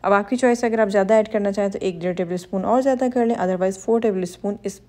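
A woman narrates a baking tutorial over her cooking footage, guiding viewers step by step. Her voice is mellow and warm-toned, sitting at an ordinary middle pitch. She sounds instructive and reassuring throughout. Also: fast talker. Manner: instructive, reassuring, addresses women viewers directly. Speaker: cooking channel host.

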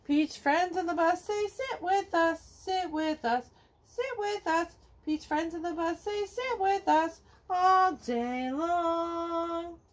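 A middle-aged woman sits indoors in a home living room reading a picture book to children, her extremely high voice slowly singing each verse in sing-song fashion.

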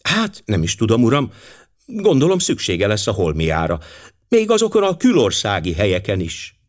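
A man voicing an excitable, gullible young housemaid in an audiobook, eager and quick to gush. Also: lowish voice. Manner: breathless, eager.

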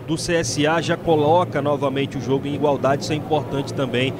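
A Brazilian man with a fairly high voice analyses a football match live. He talks conversationally, adding little tag questions as he goes, over clearly audible outdoor noise. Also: little pitch movement, a little fast. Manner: conversational, often tagging phrases with "né". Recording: noisy outdoor stadium broadcast.

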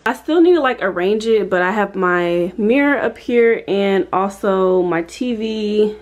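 A woman's voice: mid-range voice, animated, a little slow, rough recording. A woman, chatting casually to viewers in a vlog from her college apartment bedroom. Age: 20s. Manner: chatty, addresses viewers as y'all. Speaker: vlogger.

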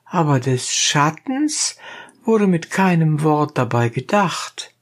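Stubborn donkey driver , narrator doing the voice, high and pedantic, gravelly edge, slow. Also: very animated, full character voice. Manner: high, drawn-out, pedantic insistence. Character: stubborn male donkey driver, defiant and cool. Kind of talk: audiobook narration.

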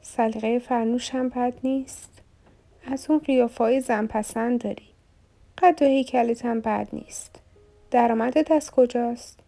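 A woman's voice: a little high, fairly even intonation, creaky, dark tone, faint music behind. A woman voicing a blunt, haughty wealthy mother of about forty who asks prying, condescending questions in an audiobook. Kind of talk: audiobook character voice.

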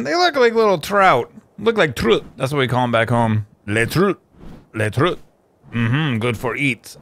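A man's voice: a little high, fairly bright tone. A man hosting a video game, rambling through casual commentary with lots of fillers and self-corrections. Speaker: gameplay video host.

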